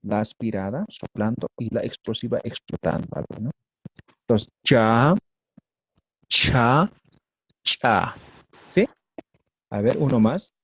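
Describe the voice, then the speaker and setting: A man's voice: fairly low pitch, normal speed, dark tone, breathy edge, no room sound. A man teaching an online language class, patiently modeling sounds syllable by syllable and checking in with students after nearly every phrase.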